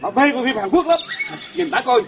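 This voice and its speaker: A man's voice: very high voice, lively intonation, brisk, muffled recording, noisy background. A man in a live comedy sketch playing a grumpy husband who mocks and nags his wife. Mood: mocking. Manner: nagging, mocking, argumentative.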